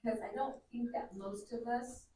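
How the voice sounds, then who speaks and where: A woman's voice: fairly high pitch, steady tone, normal speed. A woman asks an earnest question in a mid-range voice, heard in a roomy, echoey space with a faint hum of ambient noise behind her. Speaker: agent asking a question.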